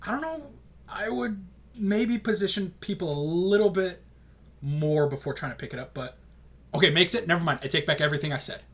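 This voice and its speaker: A man giving casual live commentary on a tournament game, reacting aloud with groans and excited exclamations. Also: sits high, fairly quick.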